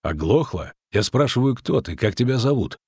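A man's voice: medium pitch, big pitch swings, normal speed, a little mellow, slightly rough, no echo, clean studio sound. A man voicing a blunt, scolding grown male monster hunter in a fantasy audiobook. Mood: stern.

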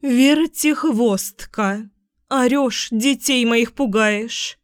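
A woman voicing a fretful old mother goose in a storybook, plaintive and quick to scold. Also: on the high side, dry recording, studio quality.

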